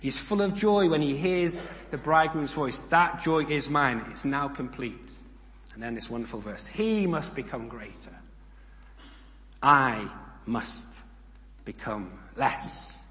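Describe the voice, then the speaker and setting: A man giving a sermon, reading scripture aloud with rising emphasis and explaining it in calmer asides. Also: medium pitch, slow, slight background noise. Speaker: preacher. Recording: long hall reverb.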